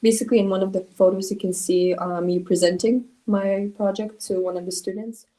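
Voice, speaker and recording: A woman from Russia, presenting her school project over a video call in an earnest way with many pauses. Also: medium pitch, steady tone, mellow, low-quality recording. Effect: on a video call, sharing her screen.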